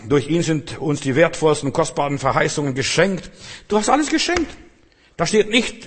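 Husky-voiced German man preaching. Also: mid-range voice. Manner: emphatic preaching with repetition and direct address. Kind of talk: sermon.

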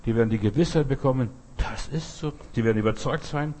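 A man preaching a sermon, emphatic and repetitive, building to loud outbursts. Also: medium pitch, quick pace.

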